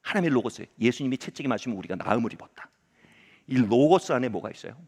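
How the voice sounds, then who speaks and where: A middle-aged male pastor delivering a Sunday sermon, telling a personal story and swinging between loud exclamations and hushed asides. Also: medium pitch, animated, rapid-fire, slightly rough.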